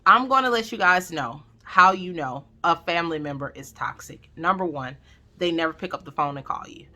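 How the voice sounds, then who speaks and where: A woman's voice: lowish voice, lively intonation, normal speed, sharp tone. A woman with a Southern US country lilt gives casual, emphatic advice straight to viewers, repeating phrases for stress and checking in with listeners. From Southern United States. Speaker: vlogger giving family advice.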